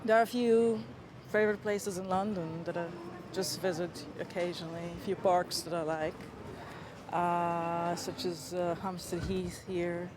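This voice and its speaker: A woman's voice: lowish voice, little pitch movement, measured pace, noisy background. A woman answering hesitantly about favourite places in a street interview. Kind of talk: casual chat.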